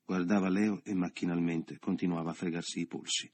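Deep, husky male audiobook narrator. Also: little pitch movement, brisk, darkish tone, no echo. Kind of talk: scripted literary narration.

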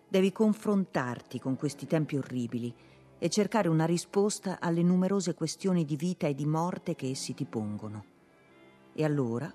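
Calm woman reading a diary aloud. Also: low-pitched, husky. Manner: measured, reflective reading. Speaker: reader. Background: faint music.

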